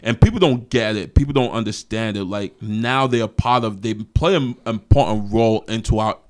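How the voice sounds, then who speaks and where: A man's voice: fairly low pitch, moderate pace. A man in his thirties hosting a podcast, affirming his guest often and asking questions into a desk microphone in a small studio. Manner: affirming, many backchannels, asks questions. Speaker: podcast host. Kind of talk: podcast interview. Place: small studio with wood-panel wall. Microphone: desk mic on stand.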